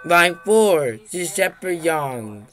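A man making recorded train station announcements, calling out stops in a measured, evenly spaced way. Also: a little high, expressive, a bit bright, faint music behind. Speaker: transit announcer.

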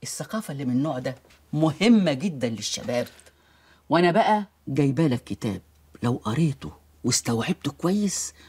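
Lively bossy old grandmother. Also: rumbling low, fast talker, slightly rough, exaggerated voice. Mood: stern. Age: older. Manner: commanding, scolding. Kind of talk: comedy film acting.

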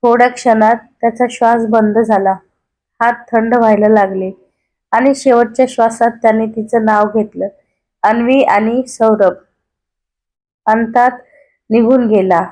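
A woman narrating a sad love story in a calm, gentle, scripted way. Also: on the high side, unhurried, pauses often, poor audio.

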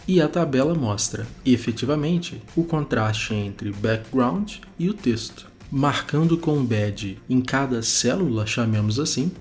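A man hosting a web development show, giving steady scripted narration over a screencast of tools. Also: mid-range voice. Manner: steady, explanatory, informative.

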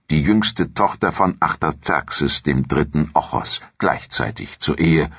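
A man narrates a scripted documentary audiobook in an extremely deep, husky register. His tone is fairly bright. The dry, somewhat muffled recording carries no room sound.

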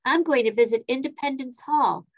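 A woman's voice: high-pitched, normal speed. Brief: woman reading as a young backpacker, explanatory, muffled sound. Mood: informative. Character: young traveler with backpack, informative.

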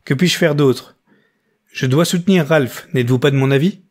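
A man's voice: fairly high pitch, normal speed, darkish tone, close to an everyday voice. Man voicing a young woman, firm, decided, loyal, headstrong, audiobook character. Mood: earnest.

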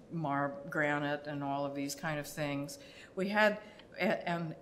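An older woman, an architect, presenting her work in a public lecture with a reflective, halting delivery full of pauses. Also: low-pitched, a little hiss or hum. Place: dim lecture hall, seated at a table on stage.

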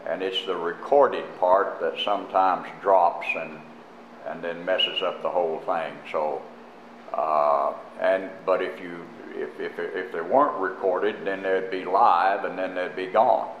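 An older man speaking as a pastor in a church, halting and full of fillers and restarts. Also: low voice, steady tone, a little hiss or hum. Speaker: pastor introducing a guest teacher. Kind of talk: unscripted church announcements and sermon. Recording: echoey, muffled live church stream.

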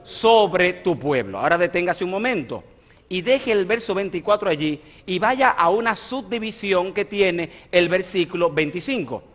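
A pastor in his thirties preaches from the stage of a large church hall. His voice is fairly high for a man and rings with a long reverb from the room. He speaks emphatically, throwing questions to the congregation and answering them himself. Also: lively intonation, moderate pace, a bit bright. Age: 30s. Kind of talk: sermon. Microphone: stage mic at a lectern, filmed by broadcast cameras.

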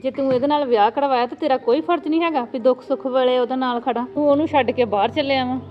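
Outspoken aunt, played by a woman, firm and lecturing, rapid delivery. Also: sits high, muffled recording, lightly acted. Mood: stern. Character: wise outspoken aunt who lectures the family. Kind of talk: amateur family drama.

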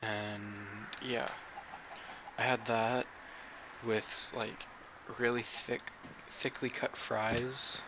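A man's voice: fairly low pitch, flat delivery, drawn-out words. A teenage boy from Canada, rambling tiredly through casual let's play commentary as the channel host. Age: teens. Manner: rambling, chatty, tired and yawning. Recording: home mic with clear background noise.

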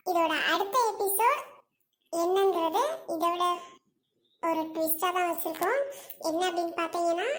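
A woman host closing a comedy video, asking viewers to like and subscribe. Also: very high-pitched. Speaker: channel host.

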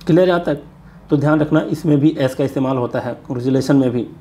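Male grammar teacher, mellow voice. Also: medium pitch, a little hiss or hum. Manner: explains step by step, asks rhetorical checks; reads example sentences slowly. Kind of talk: exam-prep grammar lesson.

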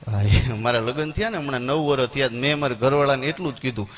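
A man, telling stand-up comedy stories to a live audience and jumping into high squeaky voices for his characters. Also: fast, slight background noise. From Gujarat, India. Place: stage before a live audience.

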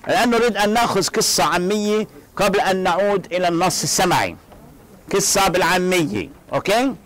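High-voiced man teaching a language class. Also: a bit bright, low-quality recording. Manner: drills phrases slowly and asks the class to repeat. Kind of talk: classroom lecture.

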